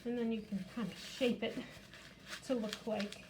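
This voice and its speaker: Reading aloud and showing a craft, the storytime host at the library keeps her explanations simple for young listeners. Her voice is a little high and steady in tone, her pace unhurried, and background noise is audible.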